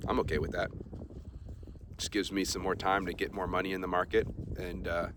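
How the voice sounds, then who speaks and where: A man vlogging in a relaxed, rambling way, with many ums and uhs, talking to his viewers. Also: low voice, fairly quick, noisy background. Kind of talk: casual talk to camera.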